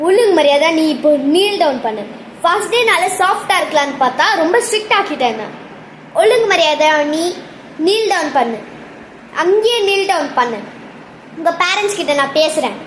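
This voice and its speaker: A woman's voice: very high-pitched, expressive, normal speed. A woman playing a strict tuition teacher who scolds and gives orders. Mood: stern. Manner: scolding, commanding. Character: strict female tuition teacher, stern and bossy. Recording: echoey room, faint background noise.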